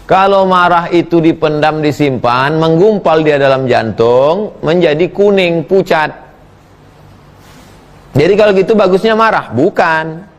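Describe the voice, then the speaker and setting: A middle-aged man preaches in a lively question-and-answer sermon, his voice sitting a little high. He jokes in a folksy way and teases his listeners. He often breaks into sudden high exclamations. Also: measured pace. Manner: folksy, teasing asides to the audience. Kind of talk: humorous sermon Q&A.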